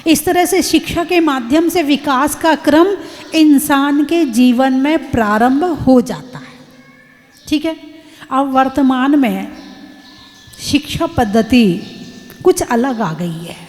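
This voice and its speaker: A woman's voice: high voice, slow pace, darkish tone, long reverb tail. A woman, a Jain nun, giving an emphatic sermon and putting rhetorical questions to her audience.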